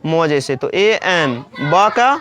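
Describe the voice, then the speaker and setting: A woman's voice: low voice, lively intonation, takes it slowly, background noise. A woman teacher giving a spelling lesson for children, asking questions and then answering them herself, repeating every point. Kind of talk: slow classroom-style spelling lesson.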